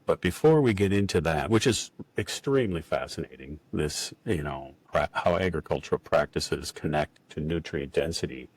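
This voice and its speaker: A man's voice: rumbling low, lively intonation, moderate pace, few pauses, slightly rough, dry recording. A middle-aged man hosting a podcast in a chatty, enthusiastic manner. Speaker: podcast host. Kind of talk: casual podcast interview.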